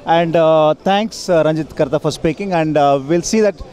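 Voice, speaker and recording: A man, interviewing at an expo hall with halting, filler-heavy questions. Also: on the high side, darkish tone, faint music behind. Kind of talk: trade show interview. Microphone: handheld mic.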